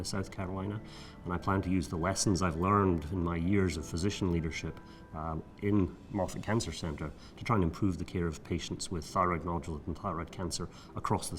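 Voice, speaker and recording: A middle-aged Scottish physician recalling his career in a measured, reflective way, with frequent filler sounds. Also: low-pitched. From Scotland. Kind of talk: recorded oral-history monologue.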